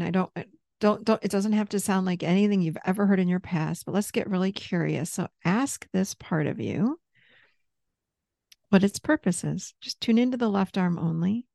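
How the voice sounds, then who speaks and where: A woman therapist gently guiding someone through a parts-work session with patient, step-by-step prompts. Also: mid-range voice, lively intonation, moderate pace, gravelly, no room sound, clean studio sound.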